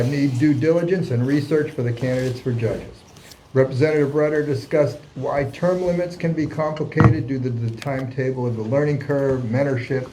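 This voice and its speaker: A man's voice: medium pitch, darkish tone, poor audio. A man reading meeting minutes aloud as vice secretary, stumbling over the odd word. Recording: meeting room with clear background noise.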